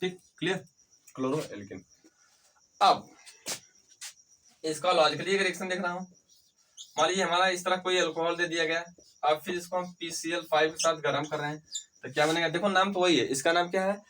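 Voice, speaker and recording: A man's voice: a little high, steady tone, brisk, pauses often, sharp tone, recorded from a distance, a little hiss or hum, rough recording. Man teaching chemistry, quizzing himself aloud. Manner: asks students questions and answers them himself, repeats key terms; encouraging, addresses students fondly. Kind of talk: whiteboard lecture.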